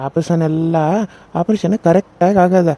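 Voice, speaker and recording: A calm small-town male doctor, voiced by a cartoon performer, soothing and matter-of-fact, with a North Karnataka Kannada accent. His tone is dark and mellow at a middle pitch. It has the feel of a cartoon serial. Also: moderate pace, close to an everyday voice. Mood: reassuring.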